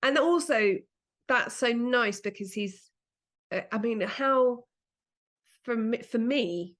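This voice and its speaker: A woman's voice: fairly high pitch, slow pace. Woman, podcast co-host; chatty and rambling, restarts her sentences. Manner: chatty, rambling, self-correcting. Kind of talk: casual chat.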